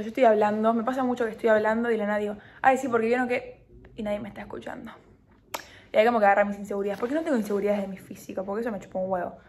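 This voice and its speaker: A woman's voice: medium pitch, a little mellow. Young Argentine woman, casual chatty vlogger, self-mocking, mixes in English. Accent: Argentine Spanish. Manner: chatty, self-deprecating, slips in English words. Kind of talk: casual chat to camera.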